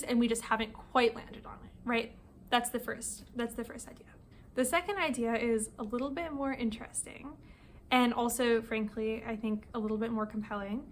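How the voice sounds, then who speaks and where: A woman's voice: a little high, fairly bright tone, a little hiss or hum. Chatty woman explaining linguistics. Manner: chatty, informal, many fillers and restarts. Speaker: video essay host. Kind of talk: casual explainer video.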